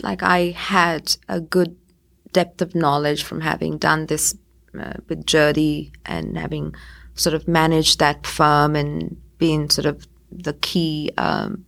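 A woman's voice: low-pitched, gravelly, fairly bright tone. A woman in her forties, originally from Sri Lanka, telling her career story as an interview guest in a chatty way with many fillers. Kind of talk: conversational interview.

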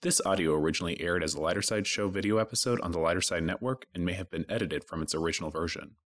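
Deep-voiced man reading a podcast intro. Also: very fast, fairly bright tone. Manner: smooth, promotional read. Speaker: announcer.

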